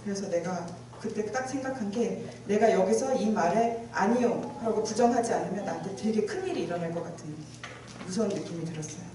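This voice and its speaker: A woman shares her testimony at a church retreat, telling her story with feeling and performing her own past words. Her mid-range voice moves a little fast, heard from a distance in a big, heavily echoing church hall with noisy background.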